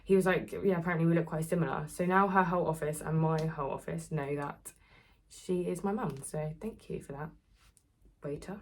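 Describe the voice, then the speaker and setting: Nineteen-year-old woman, casual storytime, rambling, husky low voice. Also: fairly quick, darkish tone. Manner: chatty, rambling, lots of "like". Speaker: influencer. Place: home, doing beauty routine.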